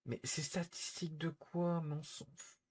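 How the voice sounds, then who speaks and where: Exasperated husky male streamer ranting. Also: fairly high pitch, little pitch movement, normal speed. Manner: exasperated, repetitive, scolding viewers. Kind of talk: live-stream rant to chat.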